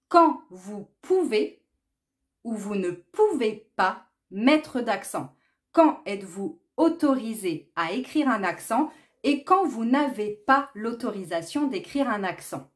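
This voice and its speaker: A woman teaching a language lesson, speaking slowly and deliberately and stressing words to demonstrate them. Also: a little high. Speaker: French teacher. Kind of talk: slow, clear language lesson.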